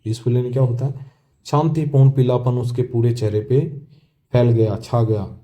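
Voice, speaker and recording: Going line by line through an English story, the teacher poses his own questions and answers them, stressing key words by repeating them. He is a man with a mid-range, mellow voice and fairly even intonation who reads slowly and deliberately.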